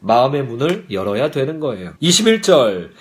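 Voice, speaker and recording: Lively Korean pastor preaching. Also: male voice, mid-range voice, moderate pace. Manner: animated preaching, acting out voices of God and believers. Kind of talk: livestreamed morning prayer sermon.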